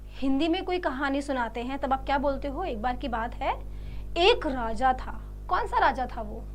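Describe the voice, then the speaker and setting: Woman, online grammar teacher, high voice, slow, answers her own questions. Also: slight background noise. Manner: slow, drawn-out English model sentences; asks the class questions and answers them herself. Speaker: English teacher. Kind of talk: online exam-prep grammar class.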